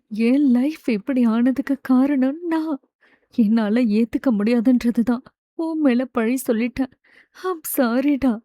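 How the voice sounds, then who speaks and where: A woman's voice: fairly high pitch, dark tone, no echo, clean studio sound, lightly acted. A woman voicing an emotional young woman who pleads and apologises in an audiobook. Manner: pleading, tearful. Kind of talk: audiobook character voice.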